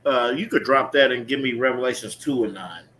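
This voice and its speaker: A man leading a scripture teaching preaches emphatically in a street-preaching style sermon with call-and-response reading, repeating phrases and checking in with his listeners. He has a medium-pitched, fairly bright voice and speaks fairly quickly. Ambient background sound makes the recording clearly noisy.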